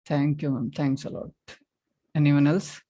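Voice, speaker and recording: A man's voice: fairly high pitch, little pitch movement, measured pace, mellow, no room sound. A man with a North Indian accent leading an interactive online class as trainer, repeating instructions and checking in with short questions.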